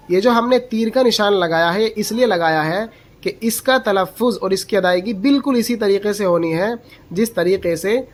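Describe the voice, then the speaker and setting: Here a patient Quran reading instructor, mid-range in voice, goes slowly through how each letter is formed and says its sound out loud again and again. Along the way, quick questions check the learner's understanding.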